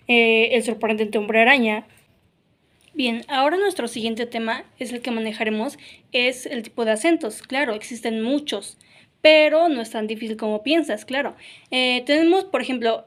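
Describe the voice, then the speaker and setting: A woman giving a grammar lesson, explaining step by step and checking in with "ok?" and "claro". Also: on the high side. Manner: explanatory, frequent "ok?" and "claro" fillers. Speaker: teacher.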